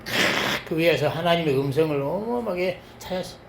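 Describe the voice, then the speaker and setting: A middle-aged male pastor preaches a sermon with a personal testimony, telling it with lively swings between loud exclamations and quiet asides. His voice sits fairly high for a man. The sound carries the echo of a church sanctuary over a faint hiss. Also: brisk, gravelly. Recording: echoey church hall.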